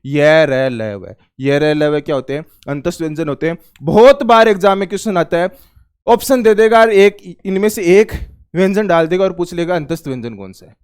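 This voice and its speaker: A man's voice: a little high, animated, normal speed, a little mellow, clean tone. A man teaching an online Hindi grammar lesson for exam prep, asking the class questions and then answering them himself. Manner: stresses exam questions and tells students to take notes.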